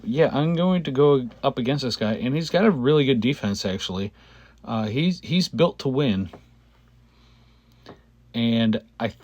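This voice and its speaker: A man giving casual gameplay commentary, halting and thinking aloud, with a cough and frequent throat clearing. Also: medium pitch, no room sound. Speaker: gamer narrating own gameplay video.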